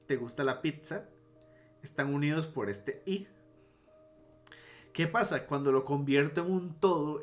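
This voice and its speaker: A man's voice: fairly high pitch, fairly bright tone. Man teaching logic in a casual lecture. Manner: explanatory, pauses to restate and correct himself.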